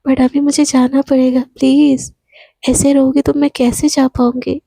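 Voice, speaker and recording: Gentle, affectionate young woman consoling her love, voiced by a woman narrator; mellow tone. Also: high voice, little pitch movement, unhurried, gravelly, no echo. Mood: soothing. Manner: soothing, affectionate.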